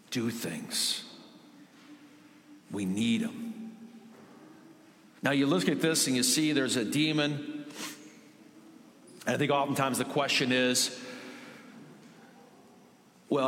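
A man's voice: medium pitch, a bit bright, a little hiss or hum. Male pastor, sermon: conversational with joking asides, emphatic on key points, echoey room. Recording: echoey hall with long reverb.

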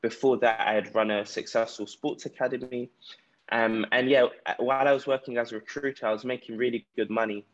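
A man's voice: mid-range voice, fairly even intonation, a little fast, highs cut off. A man with a South London accent telling his own story conversationally as an interview guest. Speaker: podcast guest, entrepreneur. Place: remote call from Ghana.

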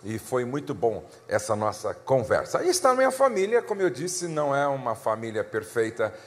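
A middle-aged male pastor preaching a sermon, telling a family story with animated delivery that climbs in pitch when excited. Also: brisk, in a large hall.

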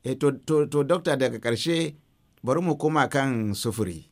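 A man's voice: mid-range voice, normal speed. A man with a Nigerian Hausa accent hosting a radio interview, echoing and completing his guest's points. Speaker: radio host.

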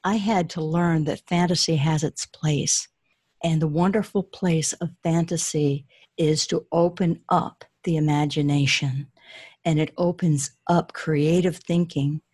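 Low, husky-voiced woman author. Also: steady tone, unhurried, a little mellow, dry recording, clean studio sound. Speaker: children's author. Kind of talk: interview answers and storybook reading.

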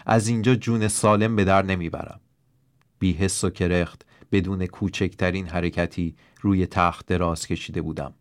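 A man reading a first-person story aloud in a measured, steady narration. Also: sits low, no room sound, studio quality. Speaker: audiobook narrator.

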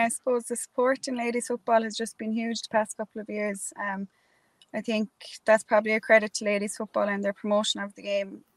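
Irish woman, even-toned, closely recorded. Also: medium pitch, no room sound. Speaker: Gaelic football player. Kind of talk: casual sports interview.

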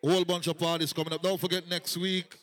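A man MC announcing upcoming parties and dates in a hyped, rapid way. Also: on the high side, flat delivery, fairly bright tone. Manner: hyped, rattles off party dates. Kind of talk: party MC announcements.

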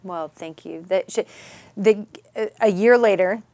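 A middle-aged woman with a dark, mid-range voice shares a personal story as a podcast guest. She sounds earnest and halting, at times dropping almost to a whisper.

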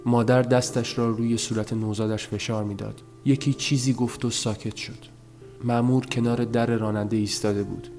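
A man narrating a story as an audiobook, in a measured, subdued telling. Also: medium pitch, little pitch movement, darkish tone, soft background music.

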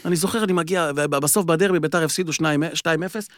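High-voiced man telling lively stories. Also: no echo, clean studio sound. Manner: animated storyteller. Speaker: podcast panelist. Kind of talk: casual sports chat.

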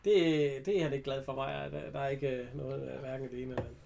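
A man's voice: medium pitch, steady tone, vocal fry, mellow. A man in casual conversation, eagerly retelling TV scenes and quoting characters, swearing offhandedly. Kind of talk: casual chat retelling TV episodes.

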